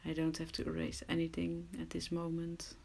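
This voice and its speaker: A Dutch woman from the Netherlands speaks at normal speed in a low, slightly mellow voice with vocal fry and completely flat delivery. She's making a casual screen-recorded crafting tutorial at someone else's home, hesitant and self-deprecating, often murmuring.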